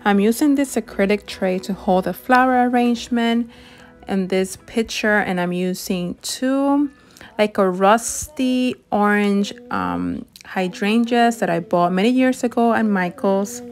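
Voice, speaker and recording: Gentle enthusiastic woman narrating a bake. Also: medium pitch, unhurried. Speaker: home and cooking vlogger. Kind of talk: voice-over narration of decorating and baking.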